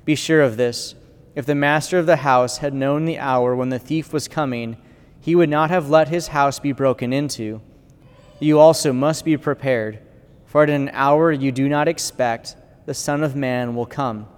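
A man's voice: medium pitch, normal speed, clear, resonant tone. A clergyman reading the gospel and preaching a conversational homily in a church with a cathedral-like echo. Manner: conversational preaching with fillers, bursts of loudness. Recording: long church reverb.

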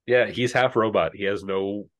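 A man running a tabletop game as game master, narrating in an unhurried way with many fillers. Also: on the low side, fairly bright tone.

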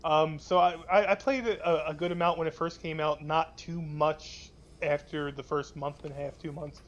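A young man with a slightly higher voice co-hosts a casual gaming chat show. He rambles, restarts his sentences and swears freely while he talks. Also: steady tone, normal speed, lo-fi sound. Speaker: podcast co-host.

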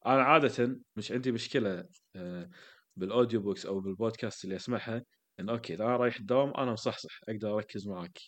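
A man's voice: fairly low pitch, very fast, a bit bright. A man, co-hosting a podcast in casual, teasing conversation. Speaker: podcast co-host. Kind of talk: casual chat.

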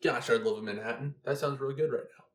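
A man co-hosting a podcast, telling a story in casual chat, joking often and quick to laugh. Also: mid-range voice, fairly bright tone, reverberant. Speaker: podcast co-host.

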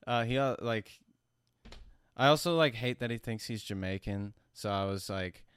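A man who sounds high, talking casually about his music in a rambling, slangy, profane stoner manner. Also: moderate pace, a bit bright, slight background noise. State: high from smoking. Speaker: musician being interviewed about own album. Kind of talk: casual chat.

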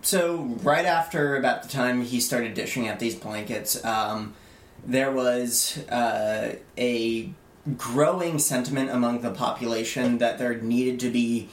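A man co-hosting an improvised comedy history podcast, talking in a rambling, hesitant way. His voice sits at an ordinary pitch. It rings with a roomy echo. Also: steady tone, a little slow. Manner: rambling, hesitant, slips into mocking put-on voices. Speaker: podcast co-host.

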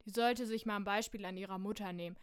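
A woman's voice: mid-range voice, steady tone, quick pace, clean tone. A woman in a satirical stage comedy, pleading and fussy.

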